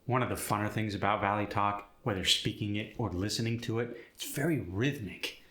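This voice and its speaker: A man narrates a lesson in a fairly low, forceful voice. He explains things plainly as an instructor, with short definitions, and the room adds clear echo. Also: a little fast. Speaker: accent instructor. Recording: roomy echo.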